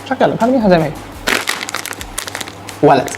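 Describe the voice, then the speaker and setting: Fast excitable Egyptian man, crinkling wrappers. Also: sits high, very noisy. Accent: Egyptian Arabic. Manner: excitable, repeats words in quick bursts. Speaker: food challenge vlogger. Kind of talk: casual unboxing challenge chat. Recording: wrapper crinkling and clicks behind.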